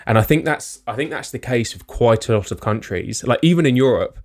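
A young British man co-hosts a casual podcast chat, rambling, mocking himself and laughing quickly. His voice is medium-pitched, animated and a little mellow.

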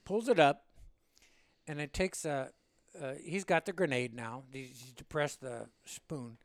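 A man in his seventies from Illinois, a veteran telling a war story in an interview, rambling and animated. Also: mid-range voice, unhurried, no room sound. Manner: rambling and animated, with laughs and acted-out quotes. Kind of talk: oral-history storytelling.

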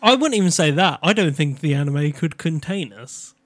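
Norfolk accent guy chatting on a podcast, voice a bit on the high side. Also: animated, moderate pace, a bit bright. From Norfolk, England. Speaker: podcast co-host. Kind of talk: casual chat.

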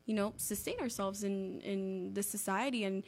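A woman's voice: mid-range voice, steady tone, normal speed. A young woman from Miami, talking casually as a guest in an interview, with lots of "like" and "um" fillers. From Miami, United States. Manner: chatty, uses lots of "like" and "um" fillers.

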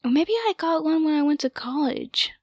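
A woman's voice: high-pitched, expressive, normal speed, no echo. A young woman chatting casually as podcast co-host, hesitant and full of ums and likes. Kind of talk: casual chat.

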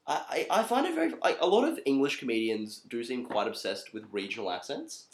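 A man's voice: medium pitch, big pitch swings, a little fast, over a noisy crowd. Australian guy in his twenties, podcast co-host with dry self-deprecating wit, recorded in an echoey room. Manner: dry, self-mocking humor. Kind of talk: casual chat.

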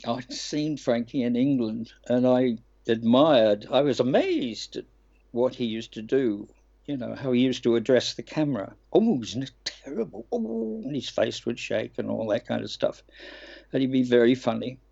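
A man's voice: medium pitch, normal speed, gravelly, mellow, highs cut off. An older man, a voice actor telling rambling anecdotes as an interview guest, with frequent ums and restarts. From Australia. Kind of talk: relaxed anecdotal interview talk.

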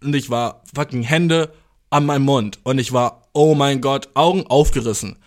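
A young man telling a funny story casually, animated, swearing a lot and mixing in English slang. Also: mid-range voice, moderate pace.

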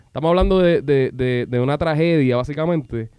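A man's voice: on the high side, a little fast, smooth, no echo. A Puerto Rican man hosting a casual podcast chat, telling stories animatedly and acting out what people said. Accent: Puerto Rican Spanish. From Puerto Rico. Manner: animated storyteller, acts out quotes, swears casually. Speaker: podcast host.

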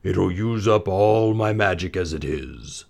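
A man voicing a fat old genie of a ring in a storybook reading, slow and measured. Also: sits low, gravelly, a little mellow. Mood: calm.

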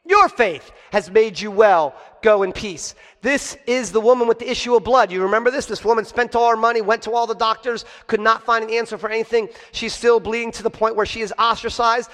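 A male pastor delivers a sermon in a high-pitched voice. He tells the story animatedly and keeps checking in with the congregation through rhetorical questions. His voice carries a long, lingering reverb from a large church hall. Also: fairly bright tone.

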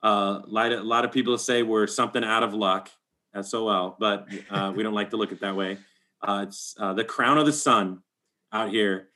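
A middle-aged man, a high school baseball coach, chatting casually on a podcast in an animated, fast way, laughing often.

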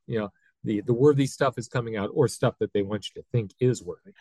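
A man co-hosting a movie review podcast, speaking in a dry, measured way. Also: mid-range voice, a little mellow. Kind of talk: casual chat.

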